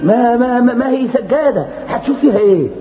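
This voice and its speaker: A bewildered human stranger with an Egyptian accent, talking fast and swinging up in protest. He is naive and flustered in a comic radio fantasy, on a thin, echoey old recording. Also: very high voice, lively intonation, narrow, tinny audio, slight background noise. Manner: flustered, stammering, questioning. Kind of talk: comic theatrical Arabic radio fantasy drama.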